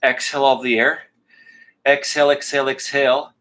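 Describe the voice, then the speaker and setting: A man's voice: mid-range voice, little pitch movement, fairly quick, pushed and bright. A man teaching a live yoga class, talking students through breathing cues in a casual, joking way and a bit out of breath. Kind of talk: live online class instruction.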